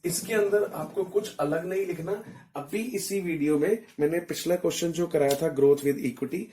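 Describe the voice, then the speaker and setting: A male teacher with an Indian accent explains points one at a time and breaks in to check that his students follow. His voice sits fairly high but sounds mellow. The room around him is roomy and echoey. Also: moderate pace, slight background noise. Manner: explains step by step, mixing in English terms, asks check-in questions. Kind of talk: explaining economics in a recorded lesson.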